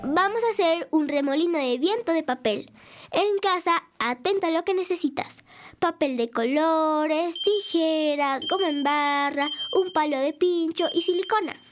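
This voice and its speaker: A woman's voice: very high voice, a little slow. A woman hosting a children's educational show, cheerful and sing-song, talking directly to children at home and telling them a story.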